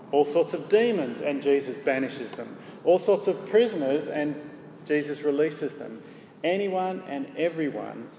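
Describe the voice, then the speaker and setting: A man preaching a sermon in a measured way, asking the congregation rhetorical questions. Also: fairly high pitch, dark tone, a little hiss or hum. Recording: echoey hall with faint ambience.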